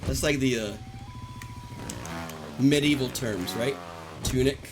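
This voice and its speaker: A man's voice: mid-range voice, slow. A man streaming a game live, chatting playfully with his viewers, joking and teasing them, with game music running behind him. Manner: playful, jokey, teasing chat, laughs often. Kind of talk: casual live-stream chat while gaming. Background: video game music.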